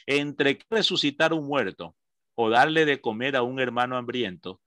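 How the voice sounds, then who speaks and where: In a dry, studio-quality recording, a man with a mid-range, fairly bright voice and an Ecuadorian Spanish accent leads a Bible study. He explains things patiently, slowly going over key points again and checking understanding with brief questions.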